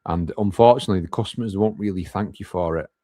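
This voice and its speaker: A man with a very low voice co-hosts a live business Q&A. He talks casually and bluntly, throws in a swear word now and then, and sounds dry and close to the mic. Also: quick pace, warm tone, no echo. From United Kingdom. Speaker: podcast co-host.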